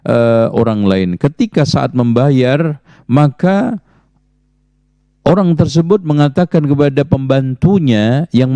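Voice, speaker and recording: A man answering religious questions as a teacher, in a measured, explanatory way that cites Arabic sayings. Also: mid-range voice, mellow, dry recording. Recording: muffled lo-fi audio.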